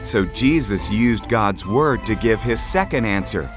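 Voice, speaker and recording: Slow, expressive male storyteller. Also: lowish voice. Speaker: narrator. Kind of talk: scripted storybook narration. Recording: narration over clear music.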